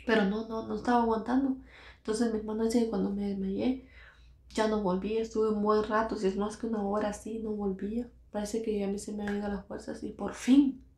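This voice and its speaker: A woman's voice: medium pitch, little pitch movement, a little fast, a little mellow. Earnest woman retelling her own story, roomy echo. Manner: earnest, repeats phrases, acts out quoted voices. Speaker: vlogger recounting her own experience. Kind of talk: emotional personal storytelling.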